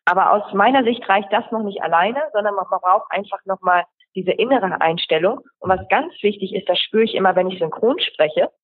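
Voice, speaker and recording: Woman rhetoric coach, husky, explanatory, phone-thin sound, podcast interview. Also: mid-range voice, normal speed, hardly any pauses. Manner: explanatory, lists examples in runs. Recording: tinny phone-like line.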